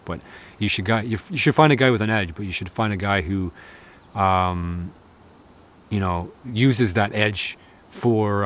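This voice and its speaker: Earnest thirties man, slightly low voice, casual to-camera advice outdoors, lots of fillers. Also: fairly bright tone, a little hiss or hum. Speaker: outdoor vlogger. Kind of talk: casual talk to camera, reading viewer comments. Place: outdoors in a snowy forest. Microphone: camera close in front, seated.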